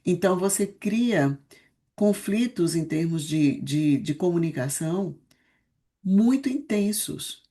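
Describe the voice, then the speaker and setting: Podcast guest, woman, lowish warm voice, measured explainer. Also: expressive. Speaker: speech therapist guest. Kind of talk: casual explanatory chat.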